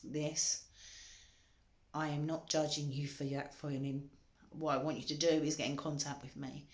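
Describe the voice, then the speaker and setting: A woman's voice: deep voice, a little mellow, reverberant, a little hiss or hum. A middle-aged woman giving a candid self-help talk, earnest and emotional, sometimes rising urgently and sometimes dropping almost to a whisper. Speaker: wellbeing author and coach. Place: indoor room, moving around.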